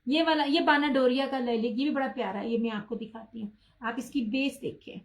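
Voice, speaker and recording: High-voiced woman selling clothes live. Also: fairly even intonation, brisk, low-quality recording. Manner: chatty, addresses viewers by name, insists on low prices. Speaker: online clothing seller. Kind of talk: live-stream sales pitch.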